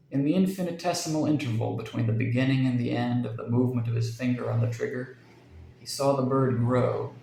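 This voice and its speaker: A man narrating a dark short story with measured, suspenseful pacing. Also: medium pitch, gravelly, echoey room, a little hiss or hum, low-quality recording. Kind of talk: dramatic story reading.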